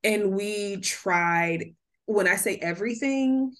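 A woman's voice: medium pitch, takes it slowly, a bit bright. A middle-aged woman shares a personal story in an open podcast chat. She speaks earnestly, circling back and repeating words to drive her point home. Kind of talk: candid conversational podcast talk.

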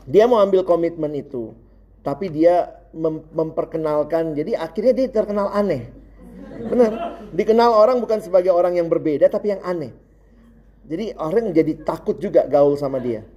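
A man's voice: fairly high pitch, moderate pace, highs cut off. A young adult man preaching a sermon, telling stories with energy and acting out his friends' lines. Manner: lively storytelling, acts out quoted friends, laughs along.

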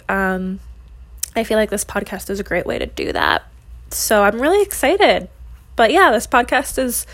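Female podcast host, informal solo chat, slight lisp with long S's, soft slurring, close dry sound. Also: medium pitch, dry recording. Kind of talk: casual solo podcast introduction.

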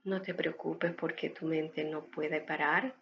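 Casting: woman meditation guide, soothing and hushed, lowish creaky voice, very slow delivery. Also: steady tone, muffled recording. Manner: soft, hushed, unhurried instructions with pauses.

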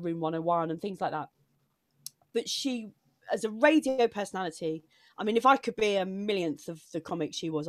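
A woman's voice: lowish voice, no room sound. A woman comedian chatting casually and emotionally, talking in digressive bursts with frequent restarts. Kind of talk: casual chat.

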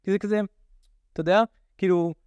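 Young man with a French accent, clear voice. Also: sits high, fairly even intonation, darkish tone, dry recording, lo-fi sound. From French immigrant raised in Netanya, Israel. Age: young adult. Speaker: podcast guest. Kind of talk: casual chat.

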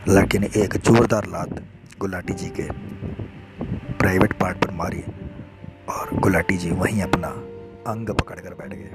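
A man narrating a dramatic story in a steady, hushed storytelling tone, over loud music. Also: sits low, measured pace, long pauses.

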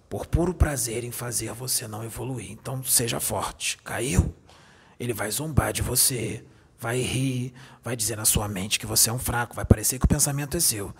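A man channeling a gravelly raspy spirit guide. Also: medium pitch. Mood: stern. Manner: repetitive, emphatic, rhetorical questions. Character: stern male spirit guide, raspy, lecturing. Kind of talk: spiritual teaching.

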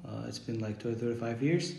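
A middle-aged man from Bulgaria, a university professor, answering podcast questions in a hesitant way with many pauses and fillers. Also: medium pitch, creaky, echoey room, heavy background noise. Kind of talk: podcast interview.

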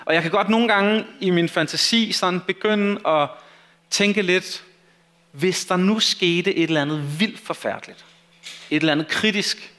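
A man's voice: high voice, a bit bright. A man preaching a sermon who reads a Bible story aloud and then talks candidly and self-mockingly.

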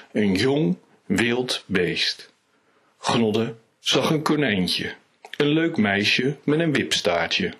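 A man reads an animal story aloud at a slow, easy pace. His voice sits a little low and has a husky grain. He lightly colours the characters' lines as he goes. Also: a bit bright. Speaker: reader. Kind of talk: storybook reading.

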